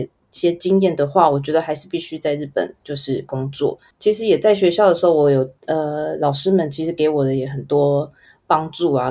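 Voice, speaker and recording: Here an advertising photographer, a woman with a deep, warm voice and a Taiwanese Mandarin accent, is a guest in an interview. She replies casually and loosely, wandering through trailing lists.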